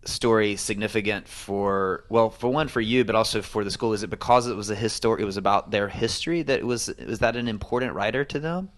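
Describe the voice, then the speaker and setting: A man's voice: lowish voice, a little fast, few pauses. A man co-hosting a podcast, asking probing questions and reflecting in casual chat. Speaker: podcast co-host.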